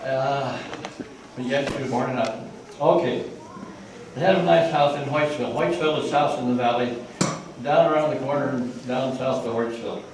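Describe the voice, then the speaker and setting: An older man with a mid-range voice talks fairly quickly, giving an informal family history talk full of asides and restarts. He's recorded from a distance in an echoey room with background noise.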